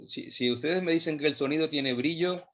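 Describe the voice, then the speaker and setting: A man teaching a theology class, speaking slowly and with emphasis, repeating phrases as he thinks them through. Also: a little high, a bit bright, muffled recording, slight background noise. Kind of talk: lecture. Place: online class session.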